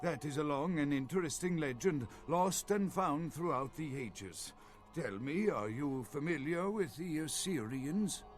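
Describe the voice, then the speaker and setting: An anxious, indignant archaeologist held captive. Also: male voice, a little high, lively intonation, a little slow, faint music behind. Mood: lecturing. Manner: indignant, then lecturing and scholarly. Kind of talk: video game voice acting.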